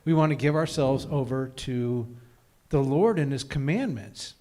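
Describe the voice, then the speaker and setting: A man's voice: mid-range voice, unhurried, mellow. Thoughtful man leading a Bible study. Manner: thoughtful, reasons aloud with many "uh"s; reads scripture aloud with rising emphasis. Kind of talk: group Bible study discussion.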